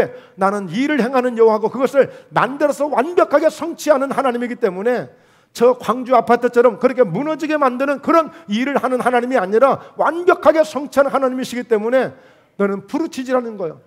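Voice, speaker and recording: A middle-aged man preaching a sermon as pastor, asking rhetorical questions and swinging between loud outbursts and hushed asides. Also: extremely high pitch, animated, fast talker.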